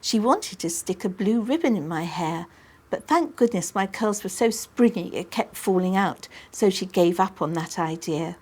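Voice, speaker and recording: Lady reading her kids' book out loud, lively and expressive. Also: on the low side. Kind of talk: audiobook reading.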